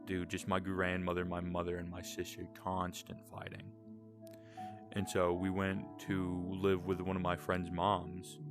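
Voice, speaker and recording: A man's voice: sits low, monotone, unhurried, over music. A young man with a Southern American accent, rambling candidly in a casual late-night podcast chat and swearing freely. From Southern United States. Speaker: podcast co-host.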